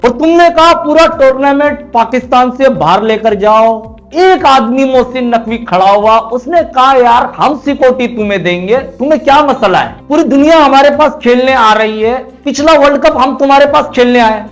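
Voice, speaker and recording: A man's voice: very high-pitched, normal speed, hardly any pauses, soft background music. A man commentating on cricket in a sarcastic, mocking opinion monologue.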